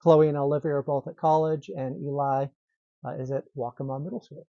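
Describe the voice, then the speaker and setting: A middle-aged meteorologist from Massachusetts chats easily as a podcast guest in a casual interview, his voice on the high side, level, brisk, and dark. He laughs lightly and restarts phrases. The recording has no echo but sounds slightly dull and lo-fi.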